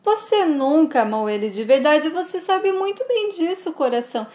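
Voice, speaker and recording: Smug taunting male villain, put on by a woman, high raised voice, mocking sing-song. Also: big pitch swings, moderate pace, a little mellow. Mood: sneering, gloating. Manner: sing-song, sneering, keeps calling her sweetheart.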